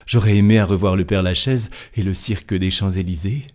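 A man voicing a chatty, excitable young French manservant in an audiobook, talking eagerly and fast. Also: deep voice, lightly acted. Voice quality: eager, quick, talkative. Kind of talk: audiobook character voice.

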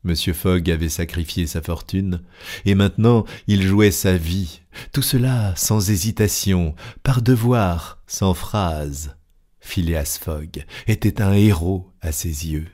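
A man narrating a classic novel as an audiobook, with a steady, deliberate reading. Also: deep voice.

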